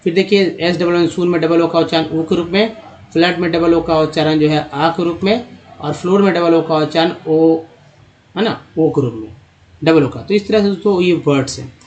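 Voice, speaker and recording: A man teaching English spelling and pronunciation, drilling each sound slowly and repeating it, and addressing the viewers as friends. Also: a little high, a little mellow, slight background noise. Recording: dull lo-fi sound.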